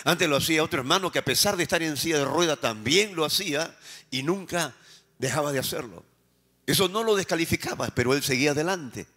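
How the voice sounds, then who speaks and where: A man's voice: a little high, lively intonation. Peruvian man preaching in call-and-response. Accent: Peruvian Spanish. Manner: preaches in call-and-response, firing rhetorical questions and answering them himself; swings between raised emphatic lines and quiet, slowed phrases. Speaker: pastor. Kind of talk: sermon.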